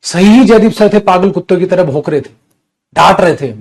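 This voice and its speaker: A man's voice: high voice, a little fast. A middle-aged male teacher in his own studio, scolding and lecturing students earnestly while teaching an online grammar class.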